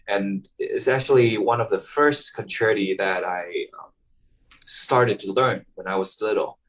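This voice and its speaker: A young man, answering interview questions casually and hesitantly, with many fillers and restarts. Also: on the low side. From Taiwan. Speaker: guest violinist. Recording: voice heard from a distance.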